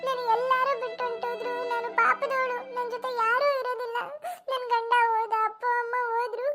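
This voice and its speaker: A young village widow in a cartoon, humble and pleading, her voice sitting very high and thin, as a woman acts her out. She speaks in a soft, beseeching way. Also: little pitch movement, a little fast, soft background music. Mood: grieving. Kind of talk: cartoon voice acting.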